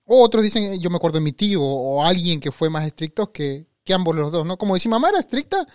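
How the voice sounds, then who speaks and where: High-voiced man, dry close sound. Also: sing-song, fast, no echo. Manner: guiding, explains and asks follow-ups. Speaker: podcast co-host. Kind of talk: casual family chat.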